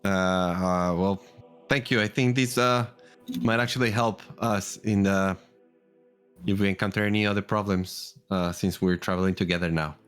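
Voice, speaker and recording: A man's voice: low-pitched, fairly even intonation, moderate pace, a bit bright, smooth, soft background music. A man playing a tabletop game, improvising tentative in-character chat.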